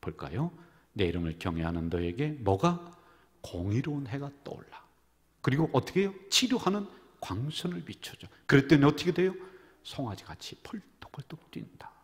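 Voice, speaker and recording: A man, the senior pastor, preaching a sermon full of jokes and stories, swinging from loud calls down to near whispers. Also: mid-range voice, very animated, normal speed. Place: church sanctuary. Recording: church hall reverb.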